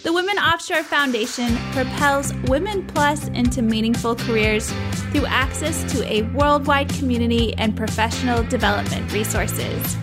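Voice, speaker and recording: Woman podcast host, high voice, upbeat scripted intro over music.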